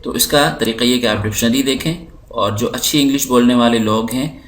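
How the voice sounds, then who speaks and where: A man teaching English, explaining slowly and patiently while walking through dictionary and translation tools on his screen, often repeating words for learners. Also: medium pitch. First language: Urdu. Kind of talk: screen-recorded lesson.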